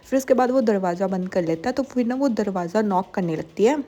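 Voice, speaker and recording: A young woman talks through a drama's plot in a relaxed, filler-heavy way, stopping now and then to quote the characters. Her voice is warm and mellow, pitched in a middle register. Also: a little fast. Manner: chatty, filler-heavy retelling with quoted dialogue. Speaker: drama recap narrator. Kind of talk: casual storytelling recap.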